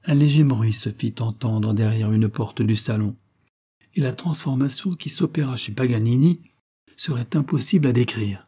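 A man reading a nineteenth-century story aloud as narrator, in a measured literary manner. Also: mid-range voice, mellow, husky.

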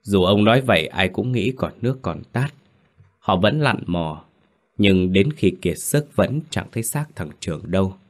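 Casting: male storyteller, low voice, grave and tense horror narration. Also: animated, normal speed.

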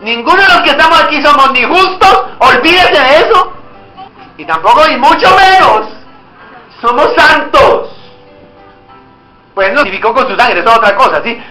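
Brief: male pastor, high bright voice, dramatic sermon with voiced dialogues, echoey church hall, faint music. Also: animated, moderate pace, long pauses. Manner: preaches with dramatic shifts, acting out dialogues with God.

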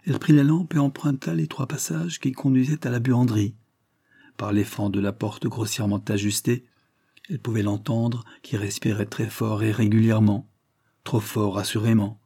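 A man narrating a suspense story as an audiobook reading, measured and suspenseful. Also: fairly low pitch, flat delivery, gravelly, dark tone, slightly rough.

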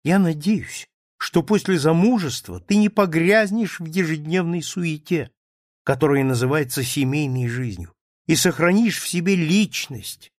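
A man's voice: a little high, lively intonation, unhurried, dry recording, pitched above the performer's own voice. A man doing an earnest young woman near tears gives a wedding toast in a raised, lifted voice. Her delivery is sincere and slightly pressed, read as part of a dry, close audiobook. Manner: earnest, holding back tears.

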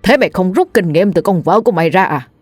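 A woman's voice: on the low side, a little fast, darkish tone, no room sound, faint music behind, close to an everyday voice. A woman voicing a stern, hot-tempered old village father who barks bluntly in a spoken ghost story. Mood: angry. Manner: barking, blunt.

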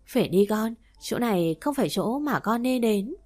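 A woman voicing a gentle, firm old grandfather spirit in a storybook reading, speaking softly and urging. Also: fairly high pitch, lively intonation, moderate pace.

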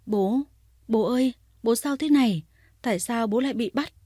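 A woman's voice: mid-range voice, a little fast, warm tone, breathy edge, no echo, studio quality, natural voice. A woman voicing a tearful young woman who cries and pleads in a storybook reading. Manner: crying, pleading.

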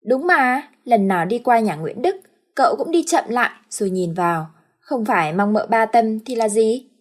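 A woman's voice: a little high, animated, moderate pace. A woman voicing a nosy young male servant who questions his master familiarly. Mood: curious. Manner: inquisitive, familiar.

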